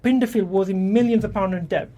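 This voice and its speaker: A man's voice: sits high, fast, dark tone. A man, an election candidate answering radio interview questions earnestly, often restarting and repeating words in a studio. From England.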